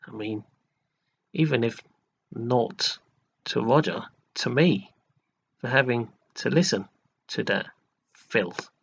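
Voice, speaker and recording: A man in an aggrieved, halting vlog rant who keeps repeating himself and restarting his sentences. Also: mid-range voice, gravelly, breathy edge, highs cut off. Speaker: vlogger. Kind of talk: slow, halting rant to camera.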